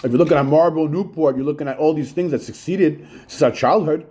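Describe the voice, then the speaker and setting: A man's voice: fairly high pitch, quick pace, warm tone. A middle-aged man, rambling profanely in a solo monologue about his childhood, repeating himself and saying "yo" often. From Long Island, New York. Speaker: channel host.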